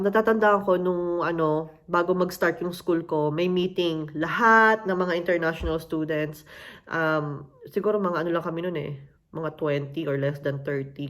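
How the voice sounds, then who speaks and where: A Filipino woman with a Filipino accent, telling her story in a casual, conversational way and slipping English phrases into her talk. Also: sits low. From Philippines. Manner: conversational, mixes in English phrases, acts out other people's voices. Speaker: interviewee sharing her immigrant story.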